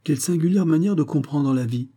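A lightly curious young heiress with a soft, raised voice, as a man reading aloud puts her on. She speaks in a mellow, slightly husky tone. She comes from a storybook audiobook. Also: fairly high pitch, brisk, voice pushed up, natural voice. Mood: amused curious. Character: young American heiress, amused and gentle.

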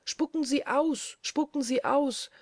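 A woman's voice: on the high side, moderate pace, mellow, no room sound, studio quality, pitched above the performer's own voice, natural voice. A woman voicing a bossy woman who calls out urgent warnings. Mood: shrill. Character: Frau Bause, shrill bossy dream woman.

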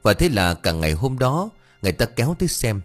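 A man narrating a ghost story in an expressive, lively storytelling manner. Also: medium pitch, a little fast, soft background music.

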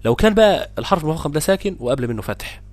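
A man with an Egyptian accent teaching a tajweed lesson. He explains each rule briskly and then stretches out the example words slowly. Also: a little high, very animated, dry recording. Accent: Egyptian Arabic. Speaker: Quran recitation teacher.

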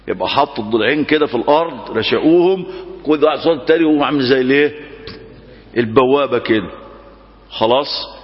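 Animated Egyptian preacher in an echoing mosque. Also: male voice, on the high side, lo-fi sound. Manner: animated storytelling, rhetorical questions. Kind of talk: mosque sermon lesson.

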